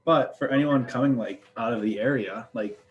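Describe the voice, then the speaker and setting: A young student ambassador chats away in a mid-range voice at normal speed, joking a lot and using plenty of fillers. The recording has its highs cut off.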